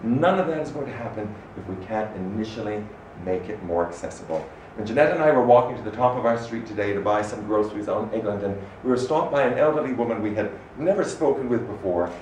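A middle-aged man from Canada giving an animated, expressive public talk as an arts director in a small room. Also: lowish voice, quick pace, hardly any pauses. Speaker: arts director speaking at a salon. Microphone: standing microphone. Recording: echoey room from far off, faint noise.

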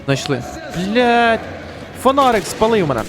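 A man with a fairly high voice talks through a shooter game in a loose, chatty way. He swears often and jokes to himself. Game music plays clearly behind him. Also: very animated, measured pace. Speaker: gaming channel host. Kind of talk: casual let's-play commentary. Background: game music and gunfire.

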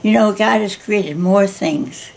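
Woman in her nineties, painting teacher, unhurried, heavy vocal fry, encouraging. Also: medium pitch, a little hiss or hum. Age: 90s. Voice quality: gravelly. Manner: slow, gentle and encouraging. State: losing her voice. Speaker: art instructor. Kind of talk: painting tutorial talk.

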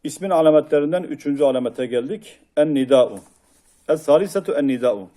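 Man teaching Arabic grammar, mellow. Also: on the high side, expressive, brisk. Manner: reads Arabic passages then explains them in Turkish, with frequent hesitation sounds. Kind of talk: lecture explaining a classical text.

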